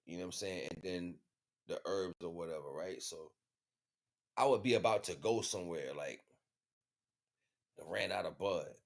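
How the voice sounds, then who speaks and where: A man with a low, gravelly voice hosts a livestream, rambling casually through slang-filled stories. He tells them with animation, regularly making sure the listener follows along.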